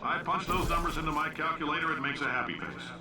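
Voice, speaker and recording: A man's voice: a little high, fast, heavy background noise, close to an everyday voice. An actor playing a brash, boastful male company boss who talks through recorded test messages in a game. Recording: game audio in a roomy, distant echo with music under it.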